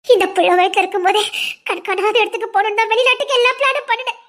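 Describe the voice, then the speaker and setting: An actress playing a distraught young pregnant wife who feels betrayed, crying and shouting through bitter laughs in a TV serial. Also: female voice, very high-pitched, racing. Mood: anguished. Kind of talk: TV serial acting.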